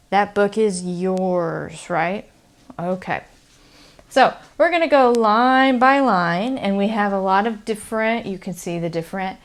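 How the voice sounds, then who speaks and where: A woman with a standard American accent teaching English pronunciation in a conversational, explanatory way, often checking in with the listener. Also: mid-range voice. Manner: explanatory, often checks understanding with "okay?" and "right?". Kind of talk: conversational video lesson.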